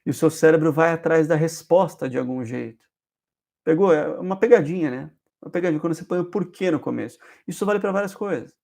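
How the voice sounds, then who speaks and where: A man teaches in a casual, spoken way. His voice sits a touch high and has a gravelly edge. He keeps repeating example phrases and checking in with "ok?". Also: fast talker, a little mellow. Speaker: hypnotherapist host.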